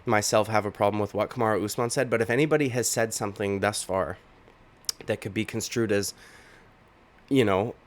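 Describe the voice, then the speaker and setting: This MMA commentary YouTuber from Canada delivers opinionated reactions in a brisk, lowish voice. He rants with indignation and keeps repeating himself.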